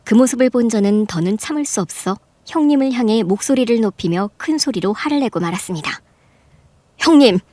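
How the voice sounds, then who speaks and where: A voice actress playing a middle-aged mother who narrates in a measured way and confronts her sister-in-law firmly. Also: fairly high pitch, no room sound, clean studio sound, natural voice. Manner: measured storytelling, firm and sharp when confronting. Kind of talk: Korean radio drama narration.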